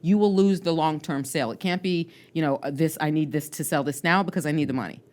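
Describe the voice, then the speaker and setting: A woman's voice: sits low, quick pace, a little mellow. A woman co-hosting a podcast in casual chat, earnest and repeating points for emphasis. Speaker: podcast co-host, fitness professional.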